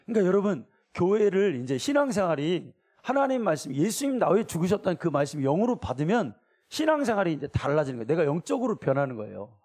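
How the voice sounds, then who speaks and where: A man's voice: high-pitched, fast talker, few pauses. Middle-aged pastor man giving a sermon, voice goes up and down a lot, does little voices for quotes. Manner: acts out everyday quotes in lively voices.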